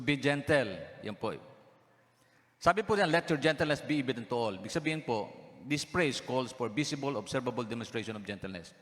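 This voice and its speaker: A man's voice: medium pitch, a bit bright. A male pastor preaching a sermon, switching into English phrases and asking the congregation questions, with a cough that lingers. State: has a cough. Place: church hall. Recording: long church hall reverb.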